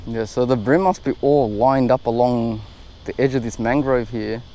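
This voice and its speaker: An Australian man giving chatty, excitable commentary while fishing from a small boat on a river, recorded on an action camera. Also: mid-range voice, moderate pace, rough recording. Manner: chatty and excitable, laughs often. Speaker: fishing vlogger.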